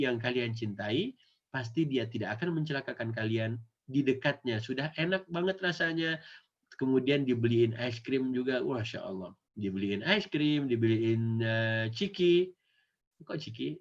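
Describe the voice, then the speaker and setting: A male Islamic teacher with an Indonesian accent giving an animated Quran lesson to children, often acting out the kids' voices. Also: mid-range voice, normal speed. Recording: dull lo-fi recording.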